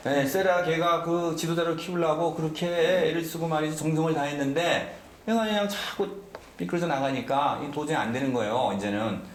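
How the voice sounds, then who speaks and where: A male pastor preaching a sermon with a lively, swinging pitch and a fairly high voice. He keeps turning to the congregation with questions. The sound carries the echo of a church hall, with a faint hiss underneath. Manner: emphatic, asks the congregation questions. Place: church sanctuary.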